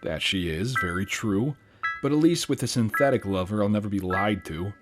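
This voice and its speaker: Brief: gruff-sounding low middle-aged divorcé, read by a man, crude and blunt, music bed. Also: moderate pace, close to an everyday voice. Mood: defensive. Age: 40s.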